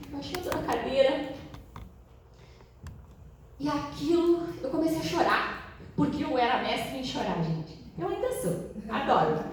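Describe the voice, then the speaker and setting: A woman's voice: sits high, a little hiss or hum. A middle-aged woman telling a personal story to a conference audience, acting out voices and her own crying. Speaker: speaker at a conference. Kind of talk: storytelling talk. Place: large conference hall. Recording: echoey hall from far off.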